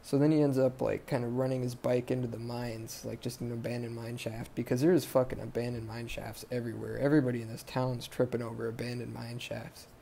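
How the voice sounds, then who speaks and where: A man's voice: medium pitch, flat delivery, fairly quick, vocal fry, hardly any pauses, mellow, slight background noise. A man hosting a podcast, casually recapping a movie in a rambling, profane way, full of fillers and self-corrections. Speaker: podcast host.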